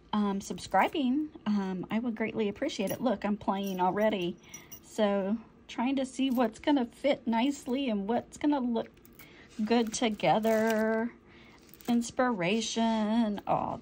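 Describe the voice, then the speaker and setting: A woman chatting through an unboxing, easily delighted and often apologizing for slips. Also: a little high. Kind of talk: casual unboxing chat.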